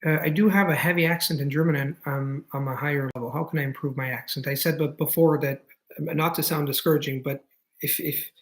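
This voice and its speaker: An Italian-accented man in his thirties answers viewer questions on a casual live stream, thinking aloud with lots of restarts and filler words. He talks fast in a fairly high, steady voice, enthusiastic and eager to explain.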